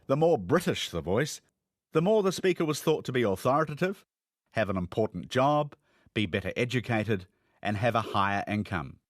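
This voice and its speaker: A man's voice: mid-range voice, animated, normal speed, no room sound, studio quality. A man reading scripted documentary narration.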